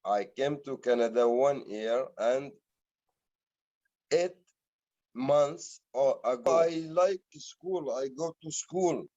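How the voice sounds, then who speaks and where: A man from Syria, a language learner talking in short, simple, halting sentences. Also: medium pitch, mellow. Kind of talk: simple learner English in a class video. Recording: dull lo-fi video sound.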